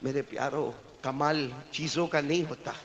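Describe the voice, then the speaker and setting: Male preacher, impassioned storyteller, bright sharp tone, long hall echo. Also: fairly high pitch, fairly even intonation, dull audio. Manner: impassioned, swings from quiet to shouting, addresses listeners as dear ones. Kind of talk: sermon storytelling.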